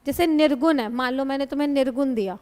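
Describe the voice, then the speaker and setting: A woman's voice: sits high, fast talker, a little mellow. A woman teaching Hindi grammar in a classroom lecture. She explains patiently, asks her students questions and calls them "beta". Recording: long hall reverb.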